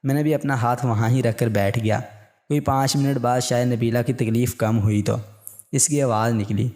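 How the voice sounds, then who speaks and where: A man reads a story aloud in a calm, even way. His voice is mellow and warm, sitting at an ordinary male pitch. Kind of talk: scripted narration of a story.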